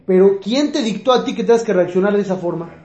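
A man's voice: high-pitched, fast talker, darkish tone, muffled recording. A man, a rabbi giving a class who asks his listeners questions and acts out the people in his stories with humor. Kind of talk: Torah class lecture. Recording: echoey room.

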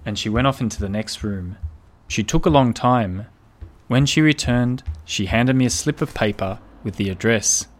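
A man narrating an audiobook in a measured, storytelling manner. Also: mid-range voice. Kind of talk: scripted narration. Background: faint piano music.

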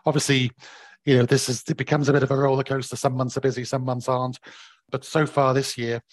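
Croaky, hoarse man in an interview. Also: medium pitch, level tone, fast talker, dry recording. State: voice recovering from bruised vocal cords. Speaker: property company managing director, interviewee. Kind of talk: conversational market update interview.

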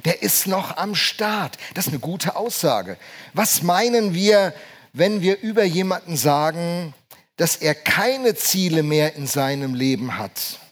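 A man in his fifties preaches a sermon in a notably high voice. He speaks with emphasis and keeps asking his listeners questions as he drives each point home. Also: animated, unhurried. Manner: emphatic, asks the congregation questions. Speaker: pastor.

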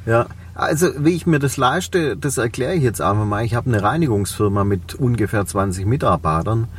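With a lowish, expressive voice and a fairly quick pace, this man sounds distant and carries a little hiss or hum. He is a Swabian-accented business owner in his forties, running a cleaning company, who talks thoughtfully and with many fillers as a podcast guest.

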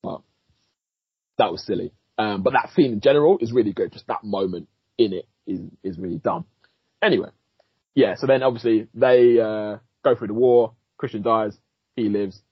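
A man co-hosting a podcast, giving a casual film review, animated, swearing freely and laughing often. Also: fairly low pitch, normal speed, slightly rough, dry recording, highs cut off. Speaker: podcast co-host, film critic.

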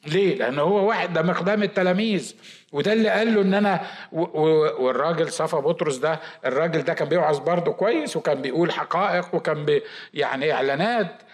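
A man with an Egyptian Arabic accent, preaching a Bible study sermon in a lively, talkative way with asides and mock quotes. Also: fairly high pitch. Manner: says he shouts and talks fast. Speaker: pastor.

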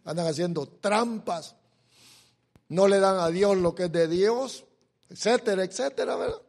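Male preacher, high-pitched, slow and deliberate, impassioned sermon with sudden loud swells and hushed asides. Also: gravelly. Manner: impassioned, swings from loud pleading to quiet asides; repeats "mire" to address listeners.

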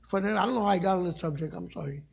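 A raspy, high-pitched middle-aged man delivers a rapid-fire sermon as a visiting evangelist in a church sanctuary. His preaching is passionate and conversational, and he jokes around with the congregation.

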